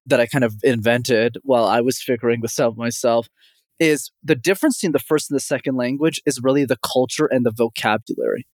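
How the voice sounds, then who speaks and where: This young communication coach from Montreal, Canada, responds to an interviewer energetically and confidently, frequently using the host's name. He speaks at a medium pitch, and there's no echo.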